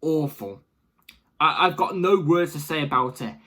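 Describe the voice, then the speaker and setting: A man giving casual, animated opinion commentary as the host of a football fan channel, rambling and repeating himself for emphasis. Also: a little high, measured pace.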